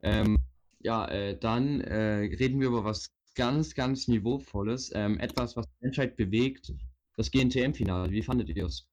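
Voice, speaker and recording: Low-voiced young man joking around. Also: moderate pace, a little mellow. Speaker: stream co-host. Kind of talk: casual chat.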